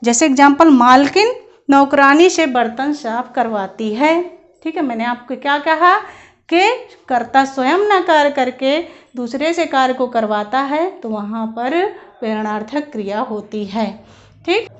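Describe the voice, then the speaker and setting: Female teacher, high voice, patient lesson delivery with frequent check-ins. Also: expressive, unhurried, muffled recording. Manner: repeats "ठीक है" after each point, explaining patiently. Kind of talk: Hindi grammar lesson.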